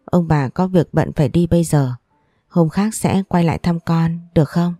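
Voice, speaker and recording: A woman's voice: deep voice, normal speed, warm tone, no room sound, studio quality. A woman reading a tender older grandmother. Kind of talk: storybook reading.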